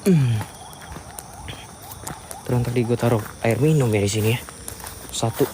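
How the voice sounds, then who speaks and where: A man's voice: medium pitch, a little slow, background noise. A man hosting a casual ghost-hunting vlog outdoors at an old sugar factory. He talks in slang, turning between his viewers and the spirits. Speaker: paranormal investigator vlogger.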